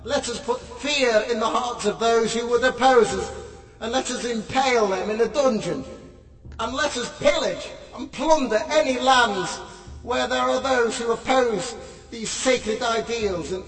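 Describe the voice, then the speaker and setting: Casting: man as a bombastic self-crowned god-king, high-pitched, long hall echo. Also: unhurried, fairly bright tone, far from the mic, faint music behind, exaggerated voice. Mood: grandiose. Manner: pompous, bombastic, grandiloquent. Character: pompous tyrant leader declaring himself God. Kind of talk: comedy radio sketch.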